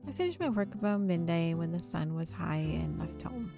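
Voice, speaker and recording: Her voice is lowish and gravelly, animated, and moderately paced as she streams a visual novel. She reads its narration with expression, occasionally stopping mid-sentence to correct herself. Game music plays underneath.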